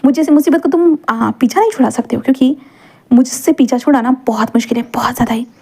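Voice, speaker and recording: A woman's voice: high voice, fast talker, warm tone, husky. A woman voicing a playful, mischievous young newlywed man in a told story, teasing in tone.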